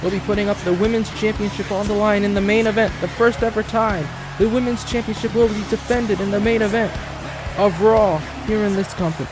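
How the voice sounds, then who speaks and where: A man calling wrestling play-by-play who gets excitable and rises to shouts on big moves. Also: high-pitched, brisk. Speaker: wrestling commentator. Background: music.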